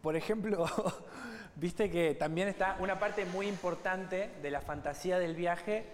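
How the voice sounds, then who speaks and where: A man with an Argentine accent, a podcast co-host, telling a story with halting restarts. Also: high-pitched, long reverb tail, a little hiss or hum. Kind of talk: comedic podcast banter.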